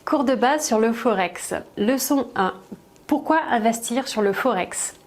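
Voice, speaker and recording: A woman narrating a training video in a scripted, even read-out delivery, heard as a clip played back during a presentation. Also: a little high, measured pace.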